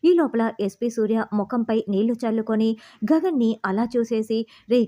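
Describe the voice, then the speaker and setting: A woman retelling the plot of a TV serial in brisk storytelling narration. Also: on the high side, animated, warm tone.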